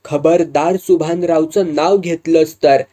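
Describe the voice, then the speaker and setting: A man's voice: on the high side, steady tone, measured pace, dark tone, close to an everyday voice. A man voicing a haughty middle-aged village landlord who talks curtly and dismissively. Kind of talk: storytelling with acted dialogue.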